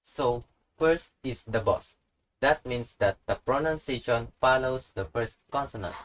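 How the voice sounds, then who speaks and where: Male tutor, slow deliberate delivery, mid-pitched, patient and repetitive. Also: rough recording. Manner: patient, repeats each example word slowly. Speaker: language teacher.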